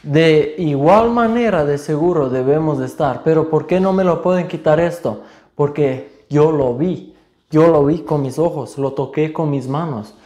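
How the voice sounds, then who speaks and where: Slow-speaking man preaching a sermon. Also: on the high side, mellow. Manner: deliberate, acts out voices with rising emphasis. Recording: roomy echo.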